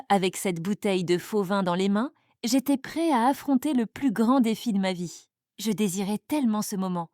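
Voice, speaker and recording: Mellow-voiced woman narrating a drama. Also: mid-range voice, no echo, clean studio sound. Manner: dramatic, suspenseful storytelling. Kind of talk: dramatic first-person story narration.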